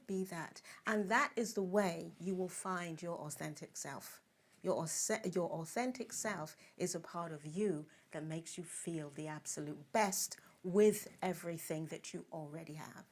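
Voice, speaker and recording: A woman speaking on an online panel over a video call, at a medium pitch for a woman. She talks in an upbeat, animated way and encourages the listener.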